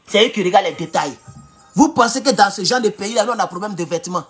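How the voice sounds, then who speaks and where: A man with an Ivorian French accent, speaking loudly and mockingly in a rambling live stream from his home, talking straight into his phone with no external mic. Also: high-pitched, expressive, quick pace, faint music behind. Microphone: phone without external mic.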